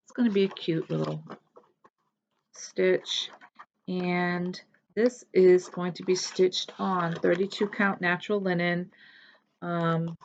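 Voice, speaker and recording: Woman vlogger, relaxed show-and-tell chat, slow and a bit rambling, lowish voice, muffled home recording. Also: vocal fry, a little hiss or hum. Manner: chatty, rambling, self-correcting. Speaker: cross-stitch vlogger.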